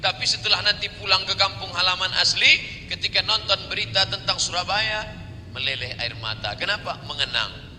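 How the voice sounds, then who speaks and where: A man preaching a sermon in a large mosque, animated and dramatic in his storytelling. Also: high voice, moderate pace. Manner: animated, dramatizes stories and chants verses. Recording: long reverb of a large hall, faint noise.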